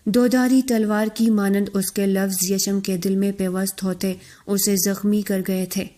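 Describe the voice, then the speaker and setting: A woman narrating a romance novel in a steady, expressive reading. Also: mid-range voice.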